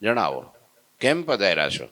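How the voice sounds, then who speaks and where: A man voicing a calm male spiritual master who gently teases his challenger. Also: lowish voice, voice pushed down, exaggerated voice. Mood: calm teasing. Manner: unhurried, gently mocking.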